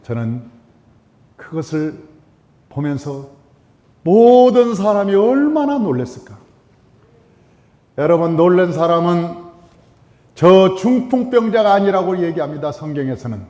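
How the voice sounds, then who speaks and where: A man preaches a sermon from the pulpit of a church sanctuary, pressing his points with repetition and sudden swings between loud and hushed lines. His voice sits high for a man. A long reverb from the hall trails after every phrase. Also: very animated, a little slow, long pauses. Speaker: pastor.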